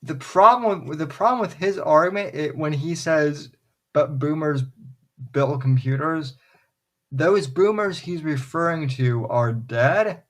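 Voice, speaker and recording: Slow, halting man in casual chat. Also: a little high, lively intonation. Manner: halting, repeats words as he starts sentences.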